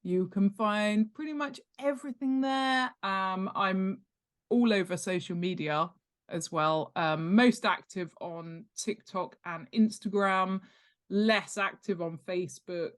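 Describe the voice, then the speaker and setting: Talking slowly in a mid-range voice, a guest author and world-building expert chats casually in an interview. She's humorous and self-deprecating as she discusses herself and her work.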